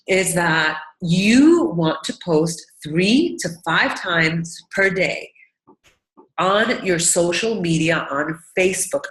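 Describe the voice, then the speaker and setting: A business coach with a congested, stuffy nose trains new team members on a call, upbeat and encouraging and often checking in with "right?" and "okay?". Her voice is on the low side and a bit bright. The low-quality recording sounds roomy.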